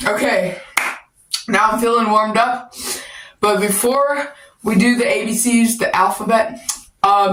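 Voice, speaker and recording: A woman's voice: medium pitch, fairly bright tone, distant mic. A woman hosting a video, chatting casually to her viewers. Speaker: video host. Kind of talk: casual vlog chat addressed to viewers. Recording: echoey room, away from the mic.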